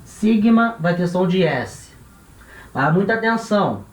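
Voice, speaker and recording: Man, Brazilian accent, language teacher, very slow lesson delivery, roomy echo. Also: high-pitched, expressive. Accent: Brazilian Portuguese. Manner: slow, drawn-out, repeats each letter and sound with tá and né. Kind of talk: classroom-style lesson. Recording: echoey room.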